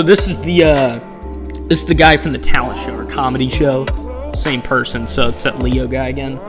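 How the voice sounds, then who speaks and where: A man is live-streaming a dating game, reading the options out loud and reacting with sarcastic, disbelieving commentary. His voice sits in the mid range.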